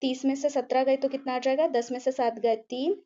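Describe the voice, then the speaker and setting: This high-pitched, mellow female teacher keeps a steady tone and a fairly quick pace as she patiently works through a maths problem step by step. She checks in with the class, repeats "ठीक है", and asks and answers her own questions. The sound is lo-fi.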